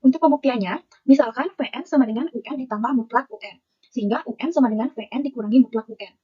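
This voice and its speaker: A woman's voice: fairly high pitch, warm tone, husky, highs cut off. A young woman, a university student, reads her math lecture notes aloud and works through the formulas one term at a time.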